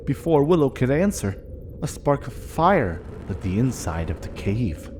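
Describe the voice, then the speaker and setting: Gentle man reading a storybook. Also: mid-range voice, unhurried, background noise. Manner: gentle expressive read-aloud. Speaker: narrator.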